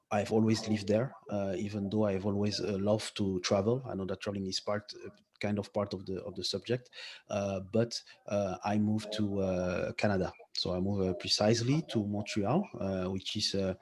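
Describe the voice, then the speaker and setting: A low-pitched man in his thirties from Belgium talks as a guest over a video call from his home. He weighs his words, filling pauses with frequent ums and uhs, and sounds thoughtful. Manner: hesitant, many fillers, thoughtful. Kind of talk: casual video-call interview. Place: home room.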